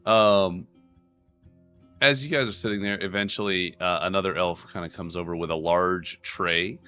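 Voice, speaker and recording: A man's voice: deep voice, moderate pace, pushed and bright, lo-fi sound. A man narrating casually as game master of a tabletop game, describing scenes in a conversational way. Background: background music.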